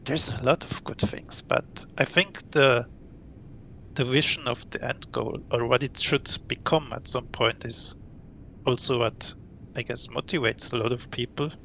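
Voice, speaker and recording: Swiss man, late thirties, relaxed guest, gravelly voice, faint rumble behind; thoughtful, laughs between points. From Switzerland. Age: late 30s. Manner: relaxed, thoughtful, laughs often, pauses to recall. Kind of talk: casual interview.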